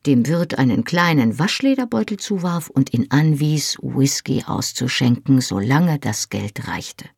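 An audiobook reader narrating a novel in first person, in a measured storytelling manner. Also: medium pitch, creaky, a little mellow, slightly rough, no room sound, studio quality.

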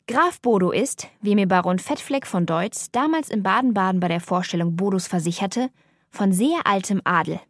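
Woman playing a booming old nobleman, boisterous, loud, dry close sound. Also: animated, moderate pace, no echo, close to an everyday voice. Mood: hearty. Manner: bellowing, boisterous. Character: loud hearty old male count.

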